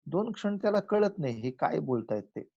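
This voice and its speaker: A man giving a spiritual lecture, telling folk tales and slowly chanting verses between his explanations. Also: fairly high pitch, big pitch swings, vocal fry, dark tone, highs cut off. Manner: acts out village characters in a folk tale, chants verses slowly.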